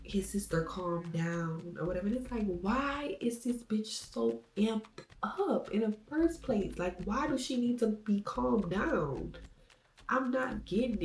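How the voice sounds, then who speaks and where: A woman's voice: mid-range voice, gravelly, darkish tone, far from the mic. Blunt, opinionated young woman vlogger. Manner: blunt, opinionated, swears freely. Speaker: vlogger recapping a reality show. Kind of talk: casual commentary. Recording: echoey room with faint music behind.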